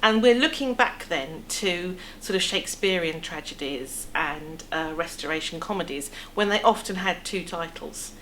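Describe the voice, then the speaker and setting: A woman's voice: lowish voice, lively intonation, normal speed, few pauses, a bit bright, poor audio. Chatty English woman over room noise. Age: middle-aged. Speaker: theatre producer being interviewed. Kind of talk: casual interview, explaining. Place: indoor theatre foyer cafe seating area. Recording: clear background room noise.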